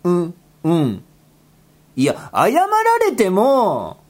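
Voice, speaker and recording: A woman voicing a bossy, exasperated rabbit character who talks in rough boyish speech and scolds his partner in a comedy skit. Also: lowish voice, wildly swooping pitch, extremely slow, darkish tone, exaggerated voice. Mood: scolding, exasperated. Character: gruff bossy rabbit guy, exasperated straight man.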